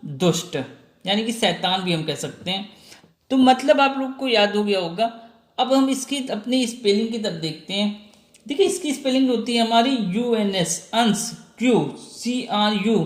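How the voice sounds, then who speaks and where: A man teaching an exam vocabulary lesson, spelling words out letter by letter and answering his own questions. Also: high voice. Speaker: English teacher. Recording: echoey room.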